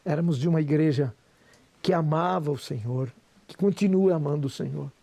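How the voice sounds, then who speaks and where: A man's voice: on the high side, moderate pace, gravelly, mellow. A Brazilian man in his sixties, a pastor, giving an emotional, preacher-like personal testimony with a Brazilian Portuguese accent. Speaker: pastor and businessman.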